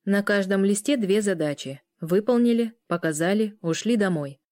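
A woman voicing a tired, blunt middle-aged lecturer handing out tasks briskly. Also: medium pitch, warm tone, no echo, clean studio sound, natural voice.

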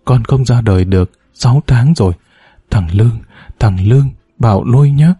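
A man's voice: mid-range voice, moderate pace, warm tone, breathy edge, no echo, natural voice. A man reading as a frail dying young wife. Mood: faint. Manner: faint whispering.

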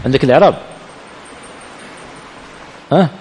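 A man's voice: medium pitch, normal speed, darkish tone, a little hiss or hum. Man teaching a class in a reverberant hall. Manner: quizzes students, asks and answers his own questions. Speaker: teacher of hadith and grammar. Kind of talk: classroom lesson with questions to students. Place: lecture hall of an Islamic study center. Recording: long hall reverb, faint room ambience.

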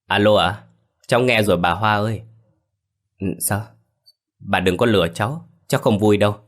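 A man's voice: on the low side, normal speed, lightly acted. A man voicing a scheming young wife who fakes tearful grief with wailing, sobbing pleas in a told story. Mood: sweet, feigned. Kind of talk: storytelling with acted dialogue.

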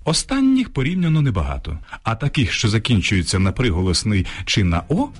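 A man with a husky voice that swings widely up and down as he presents on the radio. He reads his script in a measured, deliberate way, pausing over each example word. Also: on the low side, huge pitch swings. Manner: measured, lists examples slowly. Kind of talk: scripted educational radio talk. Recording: radio studio broadcast.

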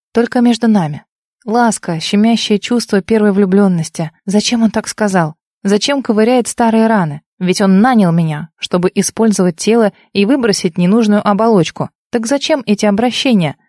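A woman narrating a first-person novel with emotional, intimate storytelling. Her voice sits at a middling pitch. The recording is close and dry, with no room around it. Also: warm tone, no room sound. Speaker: audiobook narrator.

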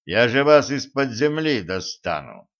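A haughty old sorcerer speaks with wounded pride and a sharp tongue, voiced by a male reader. His lines come at a slow, measured pace. The recording is a little dull and lo-fi. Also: mid-range voice, big pitch swings. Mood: threatening. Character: sly old male sorcerer, proud and prickly.

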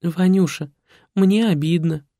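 A man's voice: sits high, big pitch swings, slow, mellow, no room sound, clean studio sound, pitched above the performer's own voice, exaggerated voice. A man voicing a tender, sing-song female mattress program in an audiobook. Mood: cooing.

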